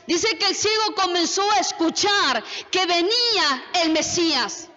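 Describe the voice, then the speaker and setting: A woman pastor with an Argentine Spanish accent, preaching a sermon full of rhetorical questions that rises to shouts. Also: extremely high pitch. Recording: muffled sound with long hall reverb.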